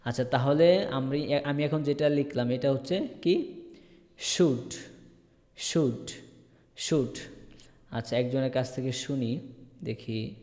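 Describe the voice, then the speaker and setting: A man teaching a live online English class, repeating words slowly and calling on students by name. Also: medium pitch, darkish tone, in a large hall. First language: Bengali. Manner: slow, repetitive drilling, calls on students by name. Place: online video call class.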